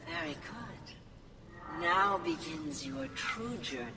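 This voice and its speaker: A woman's voice: medium pitch, sing-song, slow pace, creaky, exaggerated voice. A woman playing an ancient, menacing mother spirit of assassins in a video game, with an unearthly, ghostly voice and a solemn, formal manner. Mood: intimate, sinister. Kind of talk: video game character acting. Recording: distant, noisy game audio capture.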